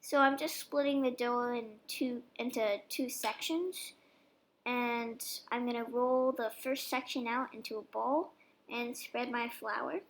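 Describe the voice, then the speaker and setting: In a relaxed, chatty cooking voice-over, a young woman shows how she makes dog treats, explaining every step along the way in a slightly high, unhurried voice.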